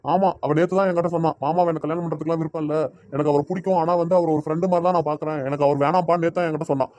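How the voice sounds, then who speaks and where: A man voicing a fast-arguing cartoon father. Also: on the high side, steady tone, a little mellow, no echo, natural voice. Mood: heated. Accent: Tirunelveli Tamil. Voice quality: scolding, argumentative. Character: stubborn middle-aged father defending his daughter. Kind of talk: cartoon voice acting.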